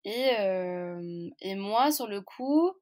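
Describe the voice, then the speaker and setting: A woman's voice: medium pitch, animated, extremely slow, darkish tone. A French woman in her twenties, a podcast guest telling a personal story in a chatty, candid, hesitant way. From France. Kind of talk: casual storytelling interview.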